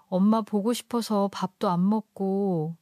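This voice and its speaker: A woman's voice: mid-range voice, steady tone, unhurried, dark tone, no echo, studio quality, natural voice. A woman voicing a desperate, self-pitying young wife who pleads and clings in a storybook narration. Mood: cloying.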